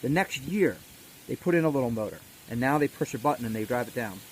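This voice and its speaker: A man's voice: mid-range voice, animated, quick pace, poor audio. A man speaks as a motivational coach giving a pep talk, emphatic and folksy, repeating key words for stress. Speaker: motivational coach host of a daily video series. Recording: background noise and ambience.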